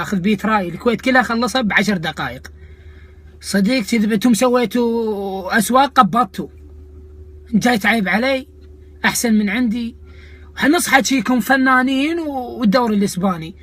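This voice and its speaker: A man's voice: very high voice, fast, pauses often, a bit bright, husky. A man with an Iraqi Arabic accent delivering a comic rant to viewers, mocking, indignant and sarcastic in manner. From Iraq. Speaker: comedian host of a video channel.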